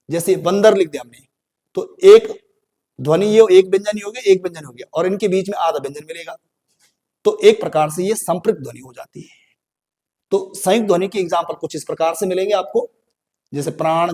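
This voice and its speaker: A man's voice: sits high, a little mellow. A male teacher with an Uttarakhand Hindi accent giving a grammar lesson, repeating key phrases and asking and answering his own questions. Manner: addresses learners as "bhai" and "ji".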